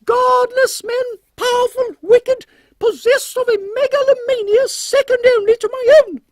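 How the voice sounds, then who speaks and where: A man acts out an imperious British queen in a steampunk audio comedy. The voice is extremely high, measured and condescending, with dry regal wit. It is recorded close and dry, with no room sound. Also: fairly even intonation, no room sound. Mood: regal, grave. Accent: British English. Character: imperious, drily witty middle-aged Queen Victoria.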